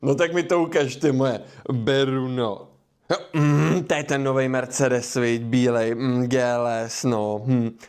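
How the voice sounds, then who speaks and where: A man playing a father who dotes on his daughter and snaps at his son, speaking in a lowered voice. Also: steady tone, darkish tone, clean tone, lightly acted. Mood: doting. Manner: low, growly, mumbling.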